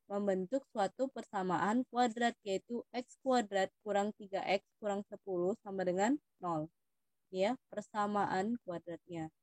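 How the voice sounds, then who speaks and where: A woman's voice: medium pitch, unhurried, darkish tone, no room sound. A young woman with an Indonesian accent, patiently explaining math test questions to students as a tutor. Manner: patient, addresses students as "Dik".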